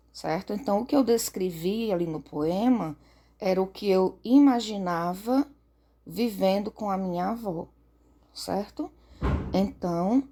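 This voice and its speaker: A woman's voice: mid-range voice, dark tone. A woman teacher gives a recorded lesson for children, patient, often checking in and stretching words out.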